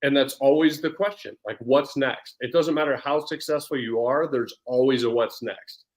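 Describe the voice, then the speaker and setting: In a casual podcast interview, a male personal development coach in his forties speaks with energy at a moderate pace and medium pitch. He frequently starts over and repeats words.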